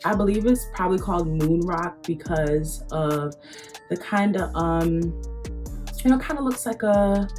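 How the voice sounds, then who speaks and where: A woman's voice: on the low side, mellow. A young woman chatting casually to viewers while doing her makeup, calling them girl and child. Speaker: beauty vlogger. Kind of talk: casual makeup tutorial chat. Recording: faint music under voice. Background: faint background music.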